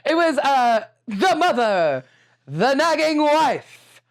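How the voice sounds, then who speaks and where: A woman's voice: high voice, slow pace. A woman co-hosting a podcast, chatting casually and laughing easily. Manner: laughs easily, animated asides. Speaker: podcast co-host. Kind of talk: casual chat.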